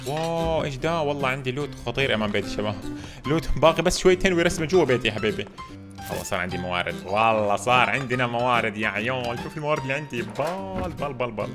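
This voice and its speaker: A man's voice: mid-range voice, animated, very fast. Hyped young man narrating his gameplay. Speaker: gamer streamer. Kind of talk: excitable gameplay commentary. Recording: music playing under the voice.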